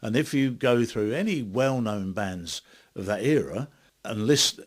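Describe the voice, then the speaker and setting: A man's voice: mid-range voice, lively intonation, unhurried. A man hosting a local radio interview, chiming in with short encouraging remarks and follow-up questions. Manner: brief encouraging interjections, chuckling along. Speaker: radio host.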